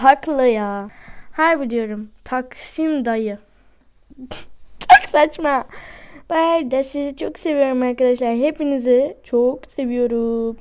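A woman giving chatty, excitable commentary to her viewers while she plays a game at home. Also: high-pitched, smooth. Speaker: gaming YouTuber. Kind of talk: casual gameplay commentary.

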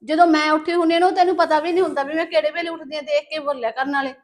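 A woman's voice: high voice, steady tone, very fast, natural voice. A woman playing a put-upon elder sister-in-law. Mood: protesting. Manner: earnest, protesting. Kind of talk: village family drama acting.

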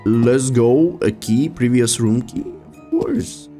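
Unhurried man streaming a game. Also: mid-range voice, very animated, dark tone. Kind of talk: casual gameplay commentary, reading in-game text aloud. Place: indoor room at home. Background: game music.

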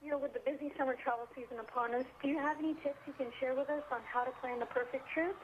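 A woman's voice: sits high, steady tone, very fast. A woman interviewing two guests, asking questions in a bubbly, enthusiastic way. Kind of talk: interview hosting. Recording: tinny phone line with faint noise.

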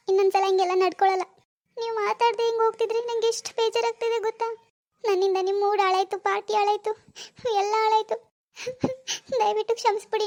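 A woman's voice: very high voice, a little mellow. A woman voicing a meek young wife in a cartoon, crying and begging forgiveness over and over. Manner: apologetic, begging, keeps repeating sorry.

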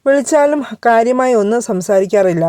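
Woman reading a teasing young woman in a storybook, quick and playful, mellow tone. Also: a little high, expressive, no echo, clean studio sound, lightly acted.

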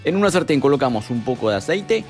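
A young man, calmly narrating a cooking recipe step by step as a voice-over, with music behind him. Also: mid-range voice, fast talker. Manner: calm step-by-step instructions. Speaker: cooking channel host.

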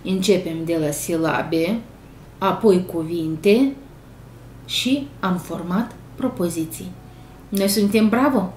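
A woman with a Moldovan Romanian accent, a primary school teacher giving a video lesson to young children, speaking slowly and clearly and sounding out syllables in an encouraging way. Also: lowish voice, darkish tone. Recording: echoey room, faint background noise.

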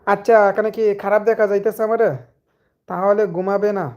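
A hoarse young man, chatting casually with viewers on a live stream and greeting commenters by name. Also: high-pitched, flat delivery, a little fast, a little mellow. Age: young adult.

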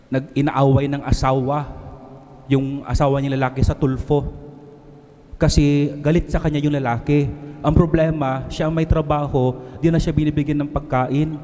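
Earnest Filipino priest in a reverberant church. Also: male voice, mid-range voice, warm tone. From Philippines. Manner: earnest, slows down to stress words; switches between two languages. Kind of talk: homily. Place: church altar, at a lectern. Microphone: handheld mic at the mouth.

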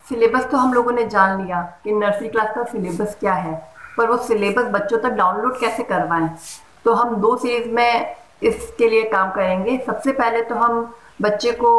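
A woman explaining step by step how to teach young children at home, sounding out letters slowly and clearly. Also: fairly high pitch. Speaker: home teaching guide for mothers. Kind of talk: friendly how-to lesson for parents. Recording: echoey room.

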